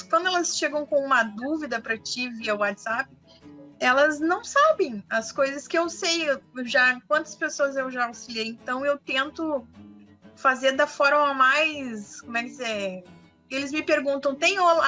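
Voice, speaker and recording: High, bright-voiced southern Brazilian woman. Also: a little slow, faint music behind. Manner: animated, explanatory, speaks in short bursts with frequent tag questions. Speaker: school monitor. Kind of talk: casual online live interview.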